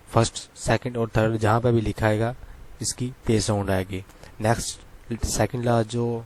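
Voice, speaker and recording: A man's voice: mid-range voice, a little mellow. A man teaching Korean letters step by step, patiently repeating points and asking the listener questions. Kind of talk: explaining lesson.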